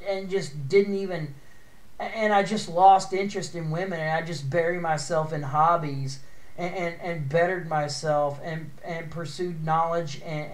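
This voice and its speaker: A man's voice: fairly high pitch, reverberant. A man in his thirties in casual chat, blunt and complaining, with frequent swearing. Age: 30s.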